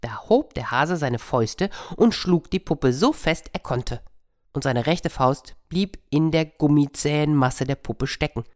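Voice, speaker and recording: A woman telling a fable to children, lively and speaking to her listeners directly. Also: deep voice, unhurried. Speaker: storyteller. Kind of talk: fairy tale told to children.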